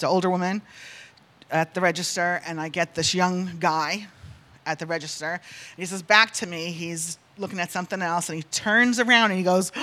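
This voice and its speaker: A woman from North Carolina telling a church congregation a personal story, animated and acting out the people in it. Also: lowish voice. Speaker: church speaker. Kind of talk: storytelling testimony.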